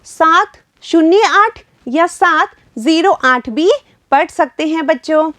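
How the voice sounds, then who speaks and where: A high-pitched woman with a Rajasthani Hindi accent talks slowly and patiently, as a teacher explaining a math lesson to young children. The recording is dry and close, with no room sound. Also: a bit bright, no echo. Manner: patient, addresses children repeatedly. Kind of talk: primary school math lesson.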